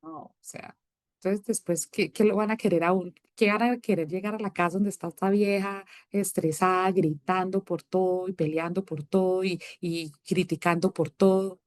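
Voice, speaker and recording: A woman in her thirties speaks as a podcast guest, her voice sitting a little low. She tells personal stories with animated energy and slips into the voices of the people she quotes. The sound is close and dry. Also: moderate pace, no room sound. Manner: animated storytelling, acting out quoted exchanges. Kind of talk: personal testimony in casual conversation.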